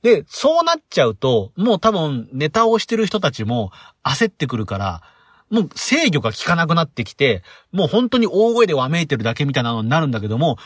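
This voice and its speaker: Animated Japanese man chatting solo. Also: on the high side, fairly quick, breathy edge, no room sound, clean studio sound. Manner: animated, rambling with many fillers. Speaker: podcast host. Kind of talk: casual solo podcast commentary.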